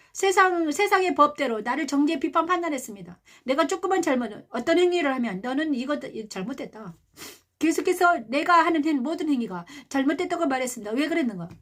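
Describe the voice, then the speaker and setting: A middle-aged woman pastor giving a sermon, emphatic, asking rhetorical questions and softly voicing tender words of comfort. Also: sits high. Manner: softly quotes a gentle, loving voice of God.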